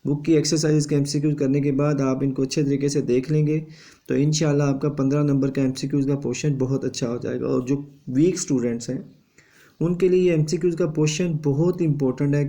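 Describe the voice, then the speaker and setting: A man's voice: a little high, steady tone, mellow. A male teacher giving an exam revision lesson. He lectures steadily and repeats a confirming tag after each point.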